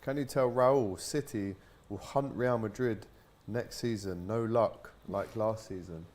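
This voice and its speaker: A man with a fairly low voice hosts a live football watch-along. He reads viewer comments aloud and chats casually between the match moments. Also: unhurried, a little mellow. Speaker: live stream host reading chat.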